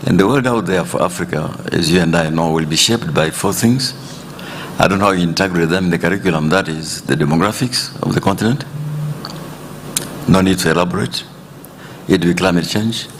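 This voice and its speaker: Speaking on a panel in a conference hall, a Tanzanian-raised man in his sixties talks slowly and deliberately in a very deep voice. He laughs softly between his points, and a faint ambient hum lingers behind him.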